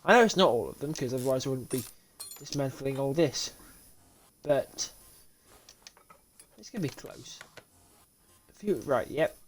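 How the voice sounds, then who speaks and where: A man's voice: mid-range voice, expressive, measured pace, long pauses, slight background noise. A young man from Britain giving casual, rambling commentary while playing a car repair game live, talking to himself with frequent restarts and laughs, a bit sleepy. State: sleepy, yawning. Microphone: desk mic with webcam.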